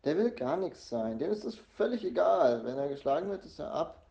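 A man reading a storybook aloud and voicing an impatient, brisk mother. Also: fairly high pitch, big pitch swings, creaky, mellow, highs cut off, pitched above the performer's own voice. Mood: scolding. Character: impatient mother, cold and hurried.

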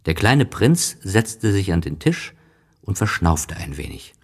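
A man with a low, husky voice narrates a storybook at an unhurried pace. His pitch rises and falls expressively, and some phrases sink almost to a whisper. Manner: soft, calm, expressive reading with breathy drops. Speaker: audiobook narrator.

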